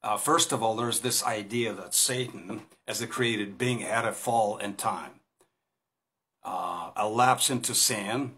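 A native Russian speaker in his fifties gives an informal Bible talk to a phone camera held at arm's length, set against a plain wall in a small room. His fairly low, sharp voice moves slowly and hesitantly, with many fillers and restarts, over slight background noise.

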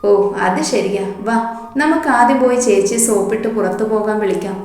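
A woman's voice: medium pitch, animated, a little fast, darkish tone, close to an everyday voice. A woman voicing a cheerful, chatty young woman plotting an outing, recorded in a very echoey room. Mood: eager.

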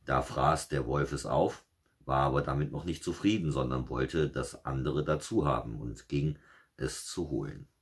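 A man calmly reading a fairy tale as a bedtime story in a small home studio, relaxed and self-mocking. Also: very deep voice, moderate pace, slightly rough.

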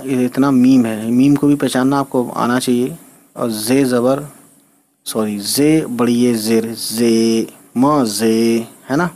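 Slow, patient man spelling out script. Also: mid-range voice, darkish tone. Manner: spells letters and vowel marks slowly, often checking with "theek hai". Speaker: Urdu teacher. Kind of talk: slow spelled-out reading lesson.

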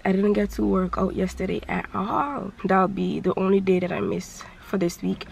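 A young woman vlogging casually from her car, with a low, nasal morning voice and a chatty, candid manner. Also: gravelly, a little hiss or hum. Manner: chatty, candid, laughs easily. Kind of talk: casual vlog chat.

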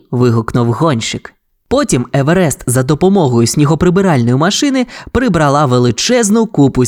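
A woman narrating a children's fairy tale in a warm, expressive storytelling manner. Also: rumbling low.

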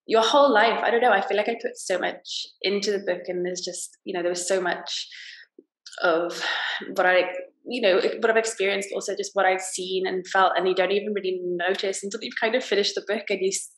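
A woman, a guest novelist talking casually about her book on a video call, slightly croaky from a cold, with lots of fillers and restarts. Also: medium pitch, steady tone, brisk. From Wales. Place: small plain room indoors. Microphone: laptop video call. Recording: roomy video call audio.

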